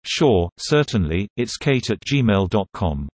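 Low-voiced man reading lesson phrases. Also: big pitch swings, darkish tone, no room sound. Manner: measured, clear phrase-by-phrase reading. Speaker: phrase reader.

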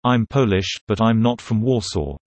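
Lowish male voice reading lesson lines one at a time, dry and close. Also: animated, darkish tone, dry recording. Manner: measured, clear phrase-by-phrase reading. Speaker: phrase reader. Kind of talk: reading language-lesson phrases.

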